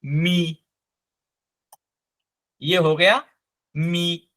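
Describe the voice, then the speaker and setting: A man teaching a live online language class, slowly and patiently spelling out each sound. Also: fairly high pitch, little pitch movement, a bit bright.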